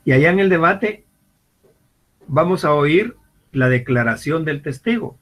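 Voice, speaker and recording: A man's voice: a little high, animated, measured pace, a bit bright, poor audio. A man giving a university law lecture. He often repeats and restarts words, and he acts out little everyday scenes in quoted voices to explain his points. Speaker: law professor. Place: classroom or online class.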